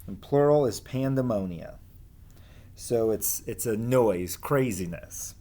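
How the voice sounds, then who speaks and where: This teacher reads to his pupils in a fairly low, mellow voice that is expressive and slow. The lesson is casual and informal, with him explaining as he goes and putting questions to the kids.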